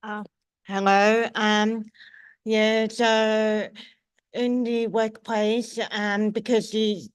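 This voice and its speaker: A woman in the audience asking a halting question full of fillers. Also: medium pitch, little pitch movement, clean tone. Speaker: audience member. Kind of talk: hesitant question.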